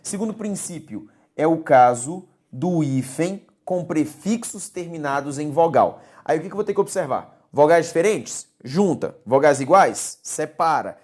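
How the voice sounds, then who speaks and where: A woman with a low, mellow, expressive voice teaches a recorded grammar lesson. She explains things patiently, repeats key words, and pauses to check that her students are following.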